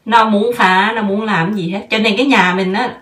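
A woman's voice: mid-range voice, fairly even intonation, normal speed, fairly bright tone, far from the mic. A woman in her thirties hosting a podcast, giving casual parenting advice in a chatty way and slipping English words into her talk.

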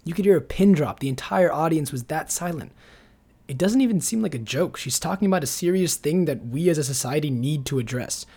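Husky man narrating an essay. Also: on the high side, lively intonation, a little mellow. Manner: measured, analytical explaining. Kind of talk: scripted narration.

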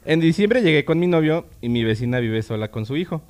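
A young man with a Mexican accent co-hosts a loose live chat, full of jokes and casual swearing. His pitch swings widely as he talks. He chimes in often with short quips. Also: lively intonation, a little mellow, clean tone. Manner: joking, swears freely, quick interjections. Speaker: podcast co-host.

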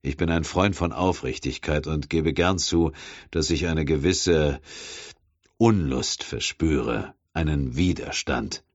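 A man voicing a calm, coldly polite male villain in an audiobook, speaking slowly and measured. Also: very deep voice, dry recording, muffled recording, full character voice. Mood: coolly menacing.

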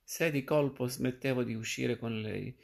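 A man reading a literary novel aloud as narrator, in a calm first-person audiobook delivery. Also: medium pitch, unhurried, vocal fry.

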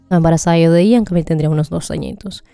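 A woman co-hosting a casual conversation, calmly explaining and reasoning through her views. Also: deep voice, racing, creaky, dry recording, faint music behind. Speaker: podcast co-host.

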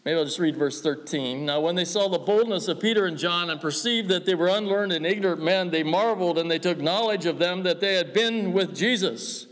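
Male preacher, American accent, high voice, long hall reverb, emphatic exhorting delivery, deliberate pauses. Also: fairly bright tone. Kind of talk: revival-style church sermon. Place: large church or hall, preaching to a congregation.

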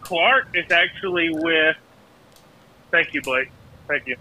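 A man's voice: on the high side, takes it slowly, noisy background. A young man calling in on his phone while walking around a hospital, upbeat and a bit scattered, laughing often. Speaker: caller. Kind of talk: casual phone chat. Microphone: earbuds on a phone call.

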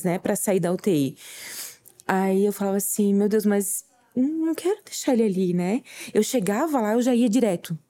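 A woman's voice: mid-range voice, dark tone. A woman, telling an emotional faith testimony as a podcast guest and acting out her own quoted words. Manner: earnest, tearful at times, acts out her own quoted words.

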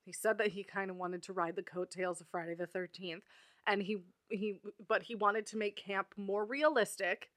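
Young female co-host, casual, sharp bright tone, close dry sound. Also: mid-range voice, steady tone, moderate pace, dry recording. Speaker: podcast co-host. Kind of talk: casual chat.

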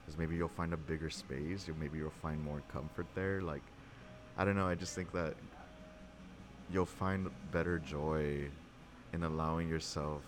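A man's voice: extremely low pitch, fairly even intonation, measured pace. A young man, a podcast guest, chatting casually in a reflective, slangy way. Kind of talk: casual chat. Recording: clearly noisy background.

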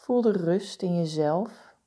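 A woman talks a listener through a body-scan meditation. Her voice is low-pitched and mellow, and her pacing is very slow and calm. She gives each instruction in a soothing, even way. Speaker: meditation guide.

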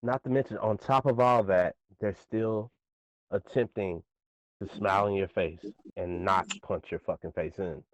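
Low, laid-back male podcast host. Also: fairly even intonation, moderate pace, no echo, rough recording. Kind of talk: casual podcast chat.

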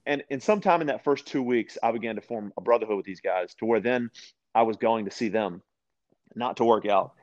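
A man from Louisiana, a podcast guest, telling casual stories with lots of restarts and animated asides. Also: lowish voice, brisk, muffled recording. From Louisiana, USA. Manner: rambling, animated anecdotes with frequent restarts. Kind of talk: casual storytelling conversation.

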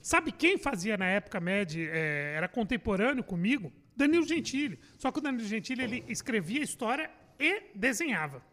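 Animated man with a lively, swinging voice. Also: high voice, fairly quick, few pauses, big-room sound. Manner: animated, swearing, acts out quoted reactions. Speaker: comedy writer and guest. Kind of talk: casual podcast chat.

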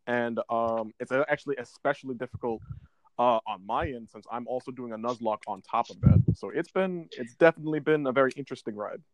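A man's voice: mid-range voice, fairly quick, dry recording. A man co-hosting a casual podcast about a video game, rambling and often stumbling over his words. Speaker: podcast co-host.

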